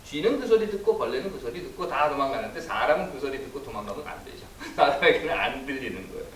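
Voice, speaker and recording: A pastor delivers a Sunday sermon in a lively storytelling manner, his fairly high voice swinging widely as he acts out quoted lines. He is picked up from a distance in a roomy church sanctuary. A faint hiss sits under the recording. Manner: storytelling, acting out quoted voices with big swings in pitch and loudness.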